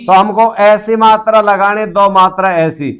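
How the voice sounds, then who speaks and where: A man's voice: high-pitched, steady tone, measured pace, a bit bright. A man teaching a class, prompting students with questions in a classroom. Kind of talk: classroom grammar lesson.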